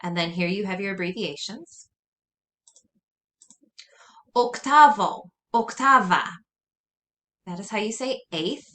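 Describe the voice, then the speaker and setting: A woman teacher giving a recorded lesson, drilling words slowly and carefully and repeating them for her students. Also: mid-range voice, bright, forceful tone. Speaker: Spanish teacher.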